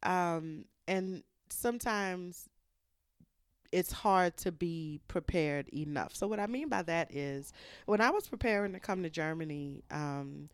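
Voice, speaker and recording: A podcast host tells a story in a chatty, animated way and jumps into quoted voices as she goes. Her voice sounds smooth and clear. The sound is dry and close, with no room echo. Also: fairly low pitch, unhurried. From United States. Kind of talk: casual storytelling monologue. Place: hotel room.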